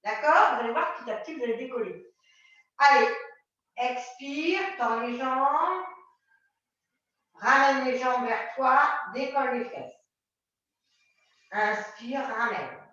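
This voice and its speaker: A woman instructor leading a group exercise class, giving brisk repeated cues and coaxing people along. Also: high-pitched, fairly bright tone. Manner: encouraging, coaxing. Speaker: fitness instructor. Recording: very echoey room, mic far off, dull sound.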